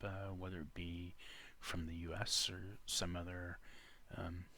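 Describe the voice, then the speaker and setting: Slow, low-voiced man. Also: level tone, bright, forceful tone. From Canada. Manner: halting, rambling, searches for words. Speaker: vlogger. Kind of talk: casual talk to camera.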